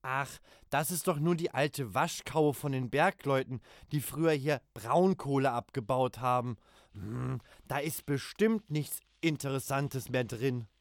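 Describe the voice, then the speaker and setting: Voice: medium pitch, measured pace, no room sound, studio quality, lightly acted. A performer playing a young child, teasing yet caring and curious, in a children's audio drama. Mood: thoughtful.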